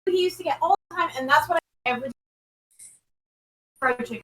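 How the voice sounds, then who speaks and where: An impatient, hungry woman talks quickly at a high pitch in casual home chat. She is heard in the background of another player's mic. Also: bright, forceful tone.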